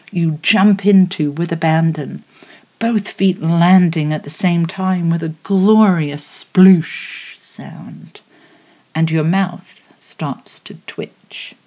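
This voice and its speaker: Slow, low-voiced woman guiding a meditation. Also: darkish tone. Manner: slow, soothing, unhurried. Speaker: meditation guide. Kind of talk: guided visualization meditation.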